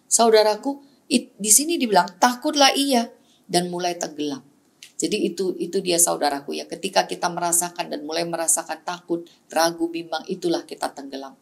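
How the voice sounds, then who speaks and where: A woman pastor preaches a sermon of repetitive exhortation, addressing the congregation as "saudaraku." Her emphasis rises and falls, climbing sharply on repeated key words and dropping in pitch and volume on closing words.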